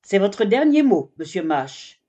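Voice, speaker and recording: A woman's voice: medium pitch, big pitch swings, unhurried, dark tone, dull audio. A woman voicing a strict, exasperated female giraffe librarian in a children's storybook. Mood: stern. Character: stern proper giraffe librarian, female adult.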